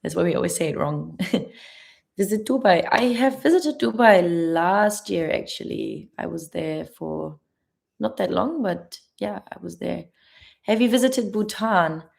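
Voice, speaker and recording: A woman's voice: mid-range voice, lively intonation, measured pace, vocal fry. A young woman with a German accent, a travel vlogger answering chat questions on a live stream in a chatty, laughing, careful way.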